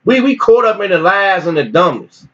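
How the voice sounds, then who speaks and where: Brief: man, fairly high voice, animated preachy teacher, muffled lo-fi recording. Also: normal speed. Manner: animated, preachy, repeats phrases. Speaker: religious teacher. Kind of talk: informal teaching, reading articles aloud with commentary. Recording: dull lo-fi recording.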